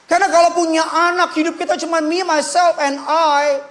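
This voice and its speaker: Animated high-voiced man preaching. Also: moderate pace. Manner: animated, shifts pitch and loudness, acts out quotes with shouts. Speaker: pastor. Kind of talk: lively sermon. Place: church.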